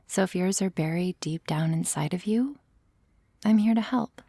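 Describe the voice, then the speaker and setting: A woman playing an obsessive, possessive young woman who holds a man captive, talking in a soft, menacing, profane whisper for an audio roleplay. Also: lowish voice, moderate pace, slightly rough, no echo, clean studio sound. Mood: tender, obsessive. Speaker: voice actor.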